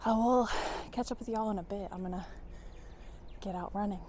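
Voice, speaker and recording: A woman's voice: medium pitch, brisk. A woman talking casually and chattily to her vlog viewers, in a giggly, self-talking way. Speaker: vlogger. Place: outdoors on a trail. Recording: noisy outdoor ambience.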